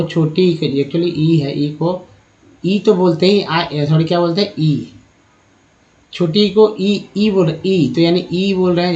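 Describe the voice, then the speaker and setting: A man teaching English reading and pronunciation in a spoken lesson, slowly spelling out words letter by letter and repeating them. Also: fairly high pitch, a little mellow, muffled recording. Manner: slow, repetitive, spells out letters one by one.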